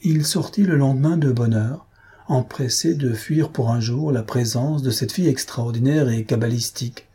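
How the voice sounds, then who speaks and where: A man reading a literary short story aloud as an audiobook narrator, with a measured delivery. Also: mid-range voice, warm tone, breathy edge. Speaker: audiobook reader.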